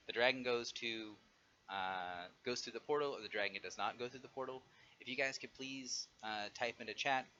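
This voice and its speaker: A man running an online tabletop game as game master, explaining and narrating in a halting way. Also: mid-range voice, sharp tone. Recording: dull audio with faint noise.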